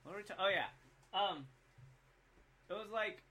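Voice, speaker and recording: A man co-hosting a podcast in casual chat, excitable and jokey. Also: sits high, moderate pace. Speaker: podcast co-host.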